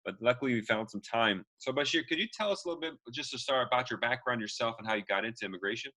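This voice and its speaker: Male podcast host, bright forceful tone, chatty, rambling, casual. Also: mid-range voice, rapid-fire. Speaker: podcast host, immigration lawyer. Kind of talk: casual interview talk.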